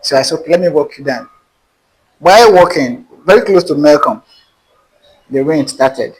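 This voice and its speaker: Heard on a low-quality recording, a Nigerian-accented man with a slightly high, husky voice talks at a moderate pace. He's a guest casually telling a personal dating story, animated throughout and acting out the quoted dialogue.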